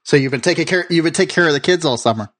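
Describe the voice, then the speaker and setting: A man co-hosting a podcast, chatting in an easygoing, halting way. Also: a little high, fairly bright tone. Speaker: podcast co-host. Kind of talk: casual chat.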